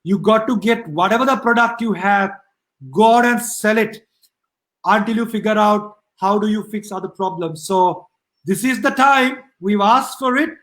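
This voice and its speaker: A man's voice: sits high, normal speed, a bit bright. A man from Sri Lanka, a sales trainer and the guest, giving an emphatic motivational message in short punchy phrases.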